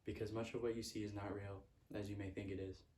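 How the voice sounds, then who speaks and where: A man's voice: on the low side, little pitch movement, quick pace, a little mellow, recorded from a distance. A man giving a motivational self-help talk, repeating earnest affirmations. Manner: earnest, repetitive affirmations with stray laughs. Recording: echoey room, speaker off-mic.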